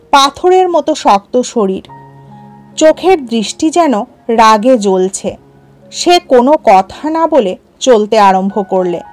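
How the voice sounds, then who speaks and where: Woman narrator, slow storybook reading, somewhat high voice, faint music underneath. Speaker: audiobook narrator.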